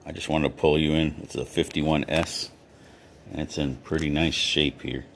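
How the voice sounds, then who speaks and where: An easygoing man with an extremely low, deep voice talks his way through a hobby vlog. He reads off dates in an unhurried, offhand way, as if talking to viewers at his table. Faint ambient noise sits behind him. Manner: easygoing, talks while sorting, lists coin dates. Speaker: coin collector vlogger. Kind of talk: casual hobby vlog commentary.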